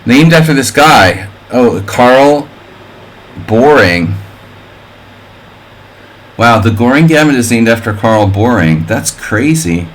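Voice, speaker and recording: This man's mid-range voice is animated, though his pace is slow and he pauses often. Playing a chess simul on stream, he calls out moves, thinks aloud, and trades offhand jokes and wordplay with viewers. The audio quality is poor.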